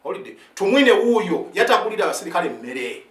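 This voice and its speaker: High, rapid-talking soldier in his fifties. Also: very animated, a bit bright, far from the mic. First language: Luganda. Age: 50s. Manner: keeps asking "eh?" of listeners, stumbling restarts; switches between Luganda and English phrases. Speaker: army sergeant. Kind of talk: impassioned spoken account. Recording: roomy sound, set back from the mic.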